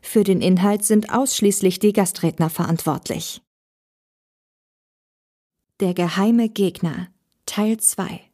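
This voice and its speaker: A woman as voice-over narrator, reading a short story in a clear storytelling delivery. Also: medium pitch, takes it slowly, pauses often, warm tone. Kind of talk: scripted narration.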